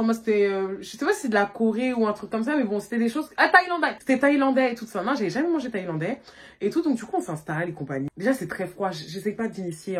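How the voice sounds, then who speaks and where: A woman vlogger telling a story in a casual, animated way, talking loosely and full of filler words, recorded on a phone. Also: fairly high pitch, breathy edge. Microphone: phone camera.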